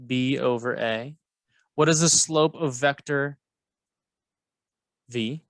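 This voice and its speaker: A man's voice: mid-range voice, takes it slowly, no room sound. A man teaching math alongside a colleague, playful and jokey, guiding with questions. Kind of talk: co-teaching a lesson, casual banter.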